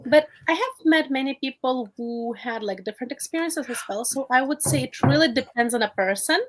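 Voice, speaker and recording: A young woman from Lithuania talks as an interview guest. Lithuanian is her first language. Her voice is high for a woman, and she tells her story in a lively, playful way. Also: brisk, background noise. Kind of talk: casual interview chat.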